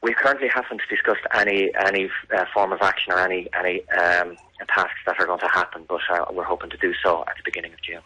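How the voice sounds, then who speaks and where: A man appears as a radio interview guest, a campaigner from a victim's family, giving serious, earnest answers that are emphatic and often repeat words. His low voice is flat in delivery, fast with few pauses, and sharp in tone, heard through lo-fi sound.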